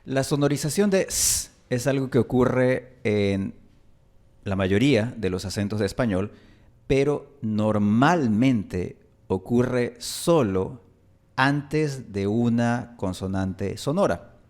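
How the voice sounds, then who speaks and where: A man with an Ecuadorian highland Spanish accent teaching a language lesson, deliberately spelling out and repeating sample words. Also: darkish tone.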